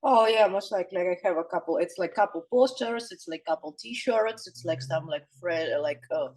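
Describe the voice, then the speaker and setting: A woman from Russia with a Russian accent, a non-native speaker guesting on an interview in a relaxed way, full of fillers. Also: fairly low pitch, moderate pace, rough recording. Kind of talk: casual interview chat.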